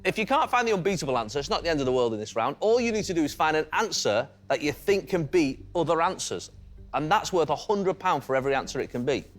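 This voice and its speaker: In a TV studio, a Manchester-accented quiz host speaks fast and with great animation in a slightly high voice, faint music behind him. He cheerfully encourages contestants and draws out the tension before every answer.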